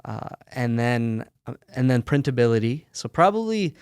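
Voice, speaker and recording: A clear, resonant, mid-range voice comes from a US-born sock company founder being interviewed on a podcast. He narrates his story in a relaxed way, with plenty of fillers and quick laughs, over a dry, clean studio recording.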